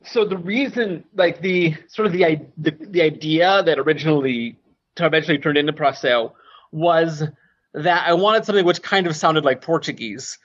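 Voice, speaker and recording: As an interview guest, an author who invents languages speaks at a moderate pace in a slightly high, bright voice. The talk is casual and thoughtful, marked by restarts and fillers, on dull, muffled podcast audio.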